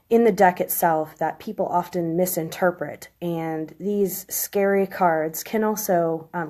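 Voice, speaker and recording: A woman in her thirties with a chest cold, hoarse with a smoker's rasp, giving a halting, informal explanation on a live stream. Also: lowish voice, darkish tone. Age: 30s. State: chest cold, coughing and clearing throat. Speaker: live stream host, tarot reader. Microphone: phone.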